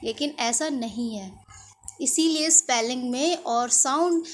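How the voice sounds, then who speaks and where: A woman's voice: sits high, slight background noise. A woman teaching English pronunciation, explaining patiently and drawing out each example word. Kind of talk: pronunciation lesson.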